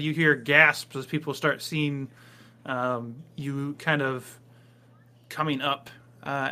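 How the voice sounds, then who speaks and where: A man's voice: mid-range voice, pushed and bright. A man narrating a tabletop game as game master, improvising loosely with lots of ums and uhs.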